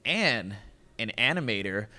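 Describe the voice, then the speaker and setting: A man's voice: fairly low pitch, big pitch swings, unhurried, pushed and bright. A man hosting a casual interview, with a nasal voice and a joking, laid-back manner. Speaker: interviewer and host.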